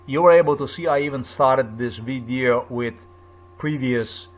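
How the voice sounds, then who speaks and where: Speaking to camera, a Slovenian video blogger delivers an insistent, repetitive, lecturing monologue in a Slovenian accent. His mid-range voice moves a little slowly.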